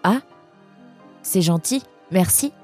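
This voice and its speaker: A woman's voice: on the low side, expressive, slow pace, mellow, faint music behind, pitched above the performer's own voice. A woman voicing a cheerful, teasing young male animal traveler in a storybook reading, talking playfully and chattily. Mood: uneasy.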